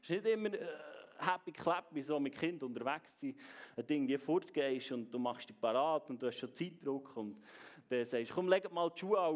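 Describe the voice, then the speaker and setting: A man, preaching a sermon and speaking straight to the congregation in an earnest way. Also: mid-range voice. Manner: earnest, addresses the congregation directly, varies loudness.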